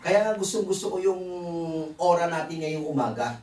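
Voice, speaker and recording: A male pastor delivers a sermon in a loose, joking, conversational way, often turning to the congregation with asides. His pitch rises and falls a lot as he preaches. The voice sits back from the mic and rings around a roomy church hall. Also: expressive, normal speed, a little mellow, distant mic, slight background noise. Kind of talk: conference sermon.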